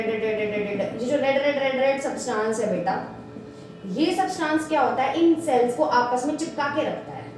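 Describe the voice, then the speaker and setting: Animated woman teacher in an echoey room. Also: sits high, far from the mic, slight background noise. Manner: animated, addresses students as beta and bhai. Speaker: biology teacher. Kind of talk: classroom lesson.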